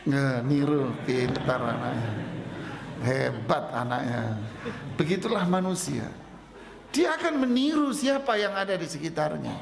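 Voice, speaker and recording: A man preaching a sermon, telling stories and acting out both sides of the dialogue in a lively way. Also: fairly high pitch, measured pace, creaky, background noise. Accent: Indonesian. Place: mosque. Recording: echoey mosque hall.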